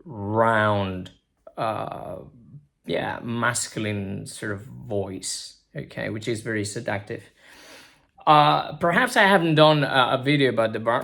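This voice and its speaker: A man, an Italian native speaker, teaching singing in a casual spoken lesson. He talks haltingly with many restarts and drawn-out words, now and then singing a note, into a simple microphone. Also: mid-range voice, vocal fry, a bit bright. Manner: halting, many restarts, drawls words, breaks into sung notes.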